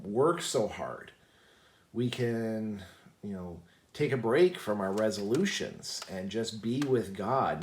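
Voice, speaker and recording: A man's voice: lowish voice, echoey room. A man hosting a casual vlog, telling a personal story in a rambling way with many fillers and restarts. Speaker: channel host.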